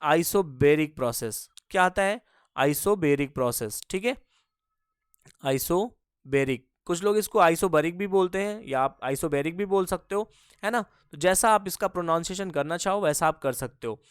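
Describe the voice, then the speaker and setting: Clear-voiced teacher drilling terms. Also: mid-range voice, fairly quick, no room sound, clean studio sound. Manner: asks a question and answers it, repeating key terms; addresses students as kids. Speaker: physics teacher. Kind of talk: classroom-style lecture.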